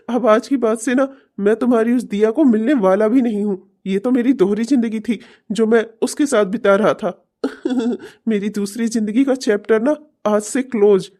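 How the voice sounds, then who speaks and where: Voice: mid-range voice, dark tone, natural voice. A performer voicing a scheming, deceitful young man in a cartoon, mocking and laughing often. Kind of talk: cartoon voice acting.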